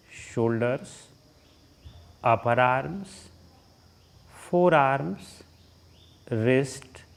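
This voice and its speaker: This Indian-accented man leads a guided relaxation in the role of a yoga teacher, his short cues spaced out by lengthy silences. His mid-range voice carries some vocal fry, yet the tone stays clean.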